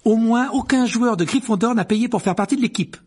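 Man doing a clever teen witch girl, sharp and matter-of-fact, raised husky voice, storybook. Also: very high-pitched, a little fast, voice pushed up. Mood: curt.

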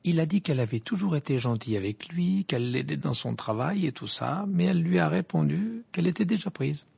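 A reader voicing a sulky, teasing teenage boy wizard who laughs and stammers when excited, in an amateur audiobook reading. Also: medium pitch, fairly quick, creaky, husky, pitched above the performer's own voice, exaggerated voice.

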